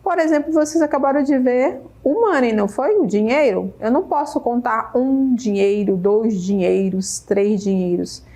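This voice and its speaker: A woman teacher with a Brazilian Portuguese accent explains English vocabulary slowly, repeating each word and checking in with "né?". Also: fairly high pitch, warm tone. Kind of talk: slow, careful classroom explanation. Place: state school media center studio.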